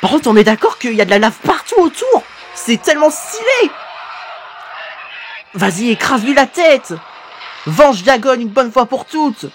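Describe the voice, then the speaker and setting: A young man reacting to a monster animation as a YouTuber, excitable and bursting into shouts and slang. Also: very high-pitched, normal speed, faint music behind.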